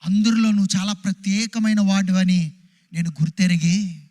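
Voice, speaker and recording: A woman's voice: medium pitch, little pitch movement, normal speed, dark tone, lightly acted. A male preacher voicing a desperate sick woman who pleads for healing in a sermon retelling. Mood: pleading. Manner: pleading, breaking lament. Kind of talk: sermon storytelling.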